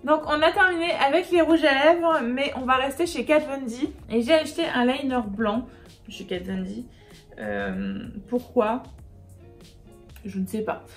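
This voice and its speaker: A woman's voice: high-pitched, lively intonation, measured pace, faint music behind. Chatty upbeat woman beauty vlogger. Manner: chatty, upbeat, with many fillers. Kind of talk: casual makeup haul chat.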